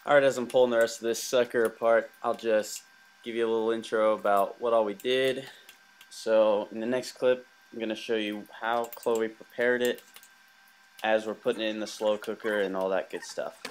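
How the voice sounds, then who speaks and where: A man's voice: fairly low pitch, moderate pace, a little hiss or hum. A young man casually talking viewers through a recipe in his home kitchen. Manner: relaxed, talks viewers through steps. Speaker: cooking vlog host.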